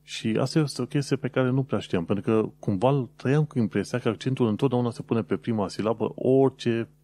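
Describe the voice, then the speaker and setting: Speaking with a medium-pitched, dark voice, this podcast host from Romania walks through practical advice. His delivery is relaxed and chatty, full of hesitant filler words.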